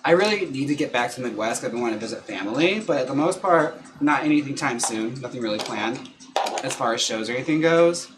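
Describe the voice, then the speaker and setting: With a sassy, campy drag queen manner, a man chats casually on a livestream while doing his makeup. His voice is medium-pitched, expressive, and fast, over clearly noisy room ambience.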